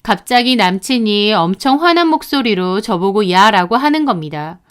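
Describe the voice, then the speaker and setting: A woman's voice: mid-range voice, lively intonation, moderate pace, clean tone. A young woman narrating a personal story in a confiding, conversational way.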